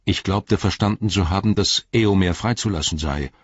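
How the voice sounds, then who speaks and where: A man's voice: sits low, normal speed, breathy edge, no room sound. A man voicing a nervous, loyal male servant explaining himself to his king. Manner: nervous, apologetic. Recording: dull, lo-fi audiobook recording.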